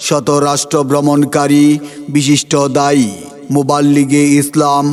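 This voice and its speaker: A man's voice: fairly high pitch, completely flat delivery, unhurried. A Bangladeshi man reading a scripted promotional announcement in a formal, declamatory public-announcement manner. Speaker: event announcer. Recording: echoey hall reverb over music.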